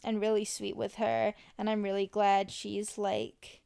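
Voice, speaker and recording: Creaky-voiced woman chatting casually. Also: mid-range voice, monotone, measured pace, dark tone. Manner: giggly, easygoing. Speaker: podcast co-host. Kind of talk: casual chat.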